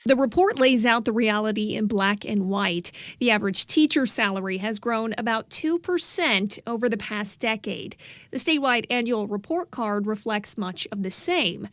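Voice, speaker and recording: A woman news reporter reads scripted narration with measured emphasis. Her voice sits a little high, and the recording is dry and close with no room sound. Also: animated, dry recording.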